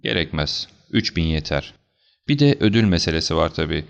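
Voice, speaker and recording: A man voicing a calm, assured detective who explains things in a measured, slightly stern way, for an audiobook. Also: rumbling low, vocal fry, heavily acted. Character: calm, assured male detective, cool and deliberate. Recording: slightly dull lo-fi recording.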